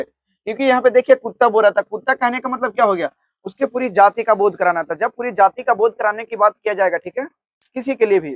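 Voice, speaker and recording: A man teaching an online grammar lesson who keeps asking his own questions and answering them, spelling words out slowly as he writes. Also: sits high, no echo. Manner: repeats "theek hai" often, asks and answers his own questions; spells words out slowly while writing on the board.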